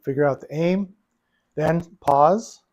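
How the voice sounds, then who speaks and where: A man's voice: on the high side, slow, a little mellow. A man coaching a student at the pool table, patient and repeating his phrases as he explains. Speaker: billiards coach. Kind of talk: one-on-one coaching session.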